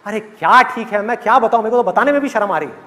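Brief: dramatic, complaining young bride, acted by a man, high voice, hall echo. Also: lively intonation, rapid-fire, sharp tone. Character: young married woman, indignant and demanding, phoning her father.

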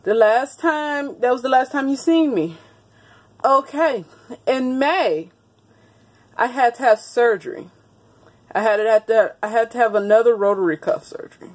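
A woman in her thirties talks to the camera like an old friend, chatty and quick to laugh. Her voice sits a little on the high side. She is recorded close on a phone in a small indoor room. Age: 30s. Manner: chatty, laughs often, talks straight to viewers. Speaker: vlogger. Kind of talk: casual chat to camera. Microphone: phone camera held close.

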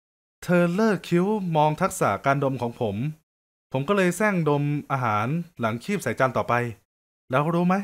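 A man telling a scripted first-person story in a lively, joking, conversational way. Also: mid-range voice, normal speed.

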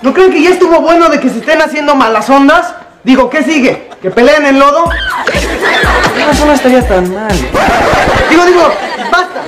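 A man's voice: extremely high pitch, expressive, normal speed, crowd noise. Teen boy, Mexican accent, earnest, goofy, sitcom dialogue, music in the background. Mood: exasperated. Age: teens. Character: earnest, goofy teenage schoolboy heartthrob. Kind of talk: television teen sitcom acting.

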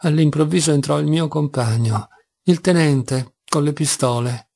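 A man reading a classic novel aloud as an audiobook, measured and expressive, with dramatic pauses. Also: fairly high pitch, gravelly. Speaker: audiobook reader. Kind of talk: literary audiobook narration.

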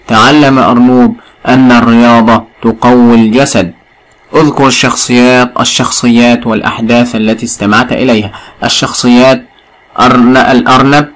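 A man with an Egyptian accent teaching a recorded lesson to young pupils, spelling words out slowly and praising answers often. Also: medium pitch, fairly bright tone, low-quality recording. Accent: Egyptian Arabic. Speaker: primary school teacher.

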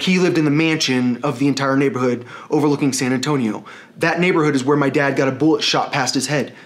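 A man talking to the camera in a rambling, profane and emotionally charged rant. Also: on the high side. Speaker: vlogger. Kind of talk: ranting video monologue.

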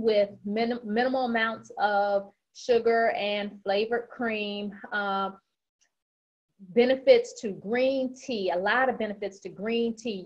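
A woman dietitian with a fairly high voice gives a casual nutrition presentation and talks fast. She is chatty, with frequent "um" fillers. The audio is slightly dull and lo-fi, like an online meeting.

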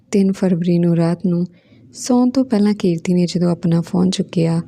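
A woman narrating a serialized novel as a storybook reading, in a calm, steady manner. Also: lowish voice, gravelly, slightly rough.

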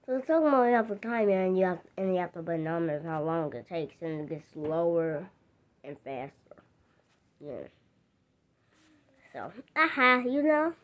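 A woman's voice: fairly low pitch, big pitch swings, normal speed, long pauses. A woman hosting her own channel, chatting casually and rambling in slang as she narrates her play. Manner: rambling, slangy, says "bro". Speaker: channel host.

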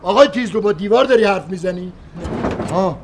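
A man's voice: sits high, lively intonation, noisy background. An actor playing an indignant landlord who grumbles exasperated complaints at his tenant. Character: indignant landlord, quick to anger.

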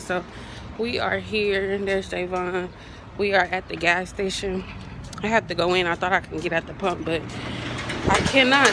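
A woman's voice: fairly low pitch, noisy background. A young woman vlogging casually from her car on a hot day, chatting to viewers with a phone camera at arm's length and calling them y'all. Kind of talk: casual vlog chat.

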